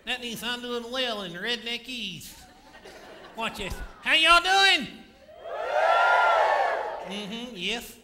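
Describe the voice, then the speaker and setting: A man's voice: extremely high pitch, steady tone, slow, pitched above the performer's own voice. A ventriloquist man voicing a cheeky wisecracking male pelican puppet, mocking and sassy on a comedy theater stage. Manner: sassy, mocking, drawls "uh-huh, yes". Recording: live theater with noisy crowd.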